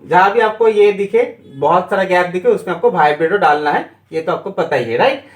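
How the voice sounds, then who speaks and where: A man's voice: sits high, expressive, a little fast, over music. Man teaching harmonica notation, echoey room. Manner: reads out note names, often checks understanding. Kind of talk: step-by-step music lesson.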